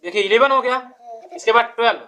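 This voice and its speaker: A woman's voice: fairly high pitch, fast talker, sharp tone. A woman teaching a child to count, patiently asking quiz questions and counting numbers aloud step by step.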